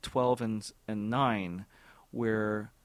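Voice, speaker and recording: In a dry recording, a man in his forties with a fairly low pitch and steady tone answers interview questions. He's an orchestra music director, and his replies come slowly and thoughtfully, with many fillers and repeated words.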